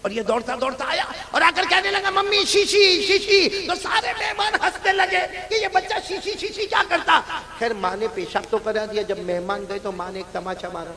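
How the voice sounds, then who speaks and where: A man's voice: high-pitched, few pauses, in a large hall. A man preacher, telling a story and rousing a large gathering into call-and-response. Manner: animated, rousing the crowd to chant back. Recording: live crowd sounds.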